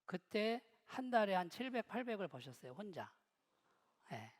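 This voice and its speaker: A man's voice: high-pitched, sing-song, normal speed. A middle-aged man preaching a sermon in a church hall, telling stories with humor and joking with the congregation. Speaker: pastor.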